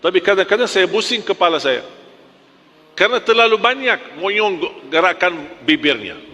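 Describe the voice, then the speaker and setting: A man's voice: sits high, big pitch swings, normal speed, bright, forceful tone, long reverb tail. A man teaching Quran recitation, drilling letters one by one and chanting examples, correcting sharply.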